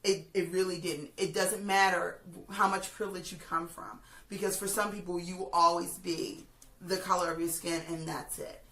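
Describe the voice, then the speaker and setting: A woman hosting a music review, chatting casually and giving opinions in an emphatic, halting way that repeats phrases. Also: on the low side, fairly even intonation, fairly bright tone. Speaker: host of a music review video. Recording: roomy, distant mic, faint noise.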